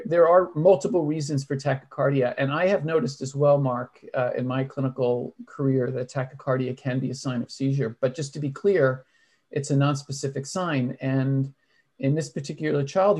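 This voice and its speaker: A man's voice: mid-range voice, steady tone, moderate pace, a little mellow. A man moderating an online medical case discussion, explaining points in a teaching tone and putting questions to the other panelists.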